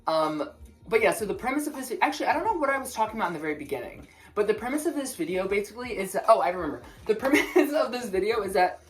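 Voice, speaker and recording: A young woman with a slight lisp, chatting to camera at home in a rushed, rambling way, often stumbling over her words, with faint music behind her. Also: fairly low pitch. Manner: rushed, rambling, self-interrupting, stutters. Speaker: musician vlogger. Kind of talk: casual chat to camera.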